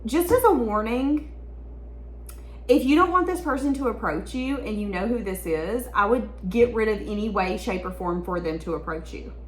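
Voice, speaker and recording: A tarot reader with a mid-range voice gives a reading to her viewers at a moderate pace. She talks in an emotional, stream-of-consciousness way, repeating herself, and the sound is reverberant.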